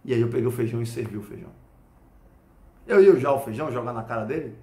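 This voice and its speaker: Brazilian guy teaching krav maga, tells it like a story, keeps asking "get it?", mid pitch, roomy echo. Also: fast talker. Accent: Brazilian Portuguese. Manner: animated storytelling with frequent checking questions. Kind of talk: explaining with a personal story. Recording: echoey room.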